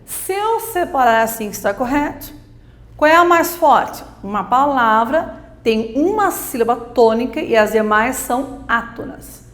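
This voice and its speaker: Woman, teacher, step-by-step grammar lesson, rather high voice, echoey room. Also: animated, a little slow. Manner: explains step by step, asks and answers her own questions. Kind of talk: grammar lesson for exam prep.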